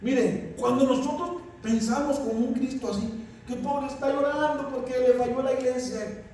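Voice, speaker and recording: A man's voice: extremely high pitch, steady tone, moderate pace, a little mellow. A man preaching an emphatic sermon, calling out to his congregation. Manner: emphatic, addresses the congregation as "iglesia". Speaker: pastor. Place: church hall. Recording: echoey hall, distant mic, faint noise.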